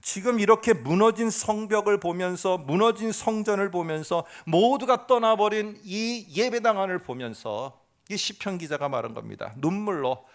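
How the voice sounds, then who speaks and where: Pastor guy w a high voice, preaching, drops to hushed pleas then swells up loud praying. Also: expressive, moderate pace, few pauses. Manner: voices tearful prayers aloud. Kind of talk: sermon.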